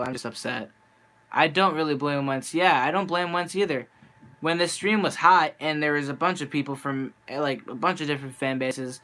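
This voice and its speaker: A young man streams from home, his voice bright and clean but worn from an hour of talk. He vents in a frustrated, rambling way, restarting his sentences. He sits a touch high for a man. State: losing his voice. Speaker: sports fan streamer. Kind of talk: venting live-stream monologue. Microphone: handheld camera.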